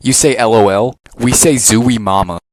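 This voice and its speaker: A man's voice: medium pitch, normal speed, over loud music, low-quality recording. A man performing a comic sketch in a smug, mocking tone.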